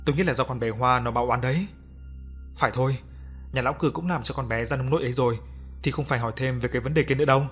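A man's voice: medium pitch, rapid-fire, a bit bright, breathy edge, faint music behind. A man voicing spiteful villagers gossiping with contempt in a narrated ghost story.

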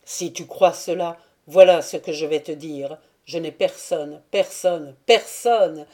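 A woman voicing a young male Cossack knight who speaks with vehement, loud passion, in an audiobook reading. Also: low voice, takes it slowly. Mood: passionate. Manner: vehement, rising to loud declarations.

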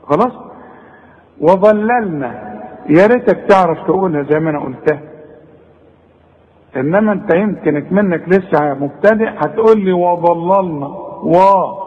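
Egyptian guy teaching tajweed, stretches words out and scolds the student, high voice, lo-fi tape. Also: darkish tone, long reverb tail. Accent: Egyptian Arabic. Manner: drawn-out demonstration of words, chiding and coaxing. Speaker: Quran recitation teacher. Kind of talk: tajweed lesson.

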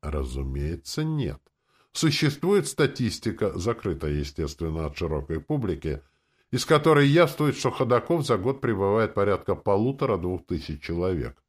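A good-natured old imperial official speaks in a formal, courteous way with quiet amusement, as an audiobook narrator puts him on. His voice sits low but moves lively up and down. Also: normal speed, breathy edge, exaggerated voice.

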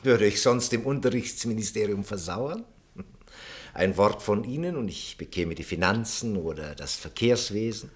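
In a 1950s-60s radio play, a man voices Branesco, a fawning, scheming, corrupt education minister. His lowish, animated voice moves at normal speed, close to everyday speech, but comes across obsequious and sly, with chuckles.

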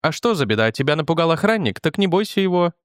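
A man voicing a kind young woman who speaks softly and politely. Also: fairly high pitch, very animated, fast talker, clear, resonant tone, no room sound, studio quality, pitched above the performer's own voice. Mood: soothing. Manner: soft, polite, soothing.

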